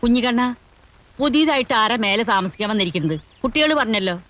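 An actress playing a bossy, quick-tempered old grandmother who owns the house. She scolds in a shrill voice in 1980s film style. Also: animated, fairly bright tone. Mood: indignant. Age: older.

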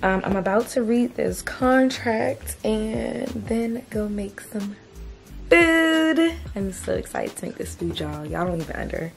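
A woman's voice: fairly high pitch, lively intonation, unhurried, creaky, soft background music. A young woman in her twenties chatting casually to camera at home, full of fillers and calling her viewers "y'all". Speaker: lifestyle vlogger. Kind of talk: casual vlog chat to camera. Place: home bedroom and kitchen.

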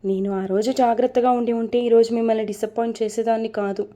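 A woman's voice: on the high side, level tone, quick pace, dark tone, close to an everyday voice. A woman voicing a guilty, tearful young pregnant woman in a storybook romance, speaking in a sorrowful, apologetic way.

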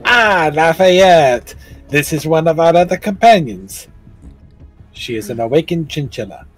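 A man's voice: on the high side, animated, moderate pace, darkish tone, slightly rough, faint music behind. A man chatting casually and in character as a player in a tabletop game.

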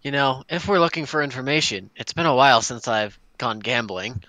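A man's voice: medium pitch, fairly quick, pushed and bright, no echo, rough recording. A man player chatting casually at a tabletop game, practical and matter-of-fact.

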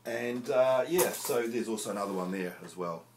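A man's voice: lowish voice, moderate pace, darkish tone, a little hiss or hum. A man, hosting a casual fishing gear review in a small room, chatty and jokey with lots of filler "uh"s. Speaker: fishing show host. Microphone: camera close up at arm's length.

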